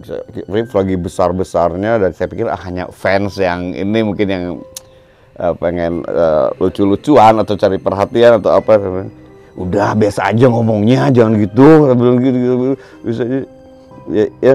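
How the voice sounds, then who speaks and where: A middle-aged man from Bandung, Indonesia, who plays in a band, speaks in a fairly low voice. On a casual podcast he tells a story with lots of animation, acting out the scenes with sound words.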